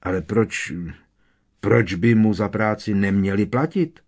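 A man's voice: fairly low pitch, darkish tone. A man doing a polite, curious teenage boy. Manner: plain, puzzled questions.

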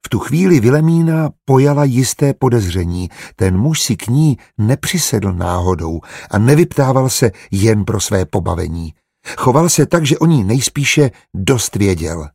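A man narrating an audiobook in a measured, even reading style. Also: medium pitch, creaky, husky, dry recording, clean studio sound.

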